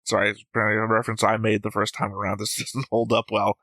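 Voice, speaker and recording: A man co-hosting a reaction show casually talks through his notes, analytical and jokey, acting out quotes as he goes. His voice is lowish, monotone and sharp, and he talks fast, with a clean studio sound and no echo.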